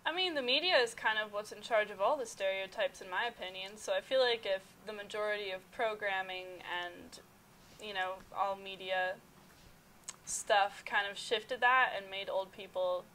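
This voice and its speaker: A woman's voice: mid-range voice, normal speed, pushed and bright, rough recording. A young woman of eighteen, a college freshman giving thoughtful interview answers with many "um"s.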